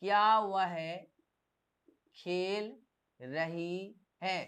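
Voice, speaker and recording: English teacher guy, clean smooth voice, keeps asking the class the same thing over and over. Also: high-pitched, steady tone, extremely slow, fairly bright tone. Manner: drills by asking and repeating questions. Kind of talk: classroom grammar lesson.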